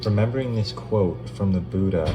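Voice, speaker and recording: A woman doing a disguised deep voice as a gentle, reassuring dad, giving soft, comforting advice in a short video. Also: normal speed. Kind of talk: short social media video monologue. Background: music.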